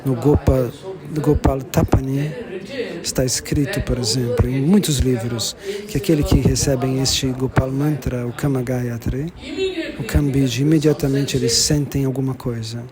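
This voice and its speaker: A man giving a devotional lecture to a gathering, repeating and restarting phrases and slowing down to stress key terms. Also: mid-range voice, fairly even intonation, crowd noise. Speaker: religious lecturer.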